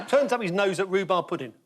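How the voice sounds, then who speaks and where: Bantering panel show guest. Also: medium pitch. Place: TV studio with audience.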